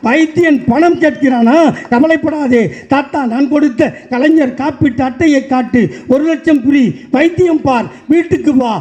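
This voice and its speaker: A man giving a political stage speech, repeating sarcastic rhythmic refrains that rise into shouts. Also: extremely high pitch, moderate pace, few pauses, highs cut off. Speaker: political party speaker.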